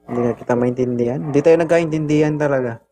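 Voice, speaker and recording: A man's voice: on the high side, fast, warm tone. A man hosting a casual livestream, teasing his partner and thanking gifters by name. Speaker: livestream host.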